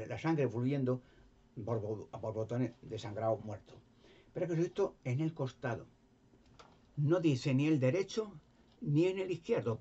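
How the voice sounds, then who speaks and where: A man telling a Bible story in a casual, halting way, often repeating words and restarting, and raising his voice to act out the characters. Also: a little mellow, slightly rough. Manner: acts out the characters' lines with raised pitch. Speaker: religious commentator. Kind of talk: informal retelling of a Bible story. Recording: dull lo-fi recording.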